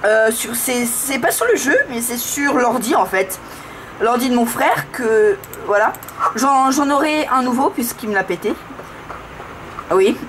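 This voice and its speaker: High girly-pitched woman chatting over a horror game, excitable and urging, clear background noise. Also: unhurried. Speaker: gaming video host. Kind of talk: casual horror game commentary. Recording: noisy room, low-grade camera audio.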